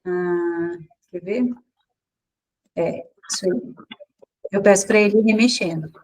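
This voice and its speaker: A woman's voice: medium pitch, slow pace, darkish tone, low-quality recording. A woman teaching a live online class over a video call, talking informally and correcting herself as she thinks aloud.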